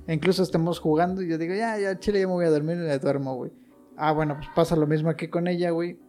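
A man's voice: on the high side, fairly even intonation, fast, darkish tone, faint music behind. A young man with a Mexican Spanish accent, telling a slangy anecdote through laughs in casual chat. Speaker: podcast co-host.

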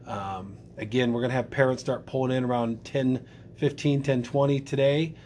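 A man's voice: medium pitch, steady tone, moderate pace, darkish tone, a little hiss or hum. A man hosting school morning announcements in a playful, rambling way with lots of fillers.

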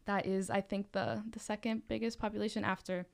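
A woman's voice: mid-range voice, fairly even intonation, a little fast, vocal fry. A young woman from Miami talking casually on a podcast as a student club leader, chatty and full of fillers. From Miami, Florida. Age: young adult. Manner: chatty, with many fillers and restarts.

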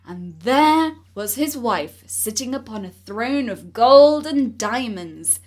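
A woman reading a fairy tale aloud in an expressive storytelling manner. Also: mid-range voice, breathy edge.

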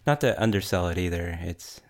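A man with a broad New Zealand accent, talking casually about tech as a podcast panelist in a measured way, pausing mid-sentence. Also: low voice, lively intonation.

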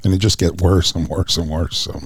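A middle-aged former wrestler tells his life story in an interview. His voice sits low and sounds dry and close. He talks earnestly and livens up when he recounts what others said to him. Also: steady tone, normal speed, slightly rough, no room sound. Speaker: guest, former professional wrestler. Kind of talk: personal testimony in an interview.

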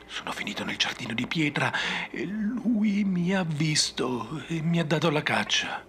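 A man voicing a terrified villager driven mad, raving in a high, cracking voice. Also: sing-song, takes it slowly, bright, forceful tone, a little hiss or hum, full character voice. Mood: frantic. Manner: frantic, high-pitched raving.

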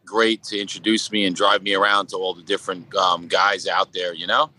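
Bright-voiced man with a Brooklyn accent. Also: deep voice, flat delivery, low-quality recording. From Brooklyn, New York. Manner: halting, rambling, peppered with "you know". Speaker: podcast guest, sculptor. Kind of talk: casual conversational interview.

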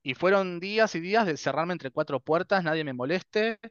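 A man's voice: high voice, lively intonation, moderate pace, fairly bright tone, clean tone, no room sound, lo-fi sound. A man in his thirties with a Rioplatense Spanish accent, telling his story as a guest in a casual interview, acting out dialogues and laughing often. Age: 30s.

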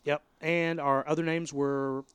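A man's voice: on the high side, flat delivery, normal speed, smooth, no room sound. A man co-hosting a casual podcast, upbeat and reading out giveaway details. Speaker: podcast co-host.

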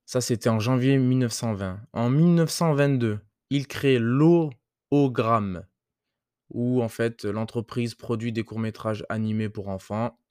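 A man's voice: mid-range voice, measured pace, darkish tone, clear, resonant tone, dry recording. Casual French-speaking podcast man, dry sound. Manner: hesitant, many fillers and restarts, crude slang. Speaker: podcast host. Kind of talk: casual motivational podcast monologue.

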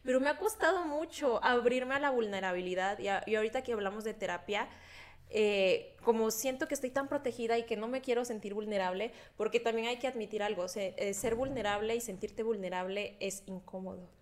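A woman's voice: on the high side, a little fast. A young Mexican woman hosting a podcast, talking candidly and telling stories with laughter. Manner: candid, animated storytelling with laughs. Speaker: podcast host. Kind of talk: casual chat.

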